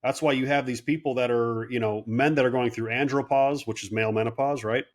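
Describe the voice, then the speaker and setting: Speaking a little fast at medium pitch, a clinic owner in his late thirties chats as an interview guest. He's an animated storyteller who reenacts other people's words by imitating their voices.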